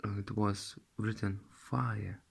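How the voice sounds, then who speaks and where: A vlogger in his thirties from Lithuania recounts a dream to camera in English with a Russian accent. His low, gravelly voice has vocal fry and little pitch movement, and he talks slowly and haltingly, repeating words as he searches for them, holding his phone close in a small room.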